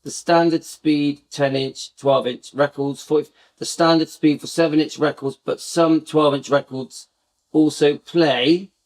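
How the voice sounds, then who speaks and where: On a relaxed live fan stream, a middle-aged host chats with viewers, drifting into memories and frequently starting his sentences over. His voice runs on the high side.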